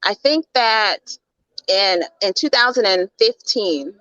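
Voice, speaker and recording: A woman's voice: mid-range voice, animated, slow pace, sharp tone, no echo, lo-fi sound. A woman from Mississippi with a Southern drawl and dropped G's, telling her story conversationally as an interview guest. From Mississippi, United States. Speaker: guest, public speaker.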